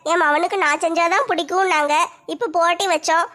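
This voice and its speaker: A woman's voice: very high voice, a little fast, a bit bright. A woman performing a chatty, teasing village comedy skit. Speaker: comedy sketch creator.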